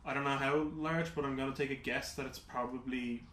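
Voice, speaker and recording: A man co-hosting a casual gaming podcast, telling rambling, animated stories full of "like"s. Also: mid-range voice, a little fast. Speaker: podcast co-host. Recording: roomy with faint hiss.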